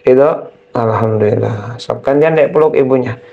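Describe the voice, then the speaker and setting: A man, a ruqyah cleric gently guiding a family through prayer and rising into fervent pleas. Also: medium pitch, moderate pace, vocal fry, phone-quality sound.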